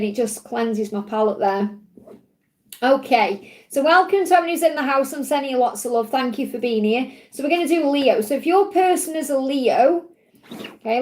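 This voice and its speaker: A woman does a live tarot reading for viewers in a husky, tiring voice, slightly high and darkish. She's soothing and reassuring, repeatedly checking in with "okay?"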